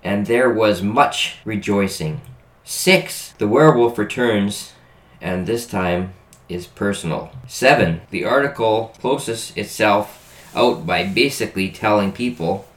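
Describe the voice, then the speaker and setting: Deep voiced guy reading old articles on a podcast, jokey, trips on words, echoey room. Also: slow, fairly bright tone. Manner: jokey, stumbles over hard words. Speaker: podcast co-host. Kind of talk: casual podcast chat and reading aloud.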